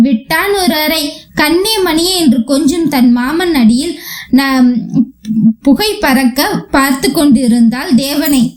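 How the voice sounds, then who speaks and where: High-voiced woman narrating a novel. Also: a little slow, echoey room. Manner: expressive, voices characters in emotional scenes. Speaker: audiobook narrator. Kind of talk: novel reading with acted dialogue.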